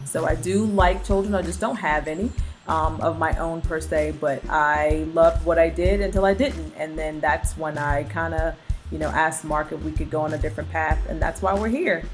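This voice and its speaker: A middle-aged woman from Virginia speaks in an unusually low voice, relaxed and chatty, with plenty of fillers. Faint music sits in the background. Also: normal speed. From Virginia, USA. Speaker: physical therapist turned travel business co-owner. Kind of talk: casual conversational storytelling.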